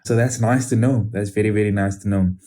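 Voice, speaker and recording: A man's voice: fairly low pitch, steady tone, brisk, dark tone. A man hosting an interview podcast, speaking politely and a little formally as he welcomes his guest. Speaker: podcast host.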